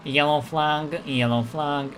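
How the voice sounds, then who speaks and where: A man's voice: a little high, steady tone, fairly bright tone, faint music behind. A man streaming a sim race, joking with teammates over voice chat and calling out hazards. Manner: joking, quick spotter calls. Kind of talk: casual team voice chat during a race.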